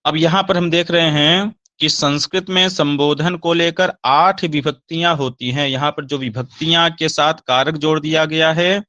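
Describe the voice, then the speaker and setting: A man teaching Sanskrit grammar, slowly reciting verb forms in a recorded lesson, with a Hindi accent. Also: on the high side, steady tone, bright, forceful tone, dry recording, muffled recording.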